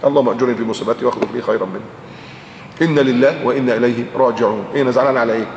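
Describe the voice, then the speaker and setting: A man with an Egyptian Arabic accent preaching a sermon, animated and full of rhetorical questions, sometimes chanting verses. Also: medium pitch, very fast, lo-fi sound, slight background noise. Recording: echoey hall recording.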